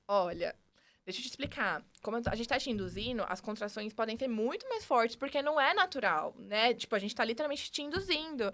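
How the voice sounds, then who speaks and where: A young Brazilian woman with a Brazilian Portuguese accent, a podcast guest telling her story in a casual interview, animated and acting out the dialogue. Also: a little high. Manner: animated, acts out dialogue with quick restarts.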